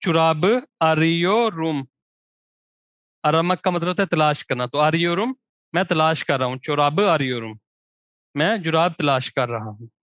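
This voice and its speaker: A man teaching grammar as a language teacher, giving examples in slow, drawn-out words between quicker explanation. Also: on the high side, fairly bright tone, dry recording. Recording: dry, dull lo-fi recording.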